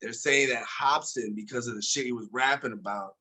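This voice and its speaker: A man's voice: mid-range voice, fairly quick, sharp tone. A man co-hosting a podcast in casual, profane, joking banter. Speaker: podcast co-host. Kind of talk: casual chat.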